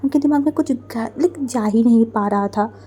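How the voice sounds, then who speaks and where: A woman tells a fan-fiction story casually, sprinkling in English fillers. Her voice sits fairly high, with a mellow, soft tone and a breathy edge. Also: moderate pace. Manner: chatty, with frequent English filler words.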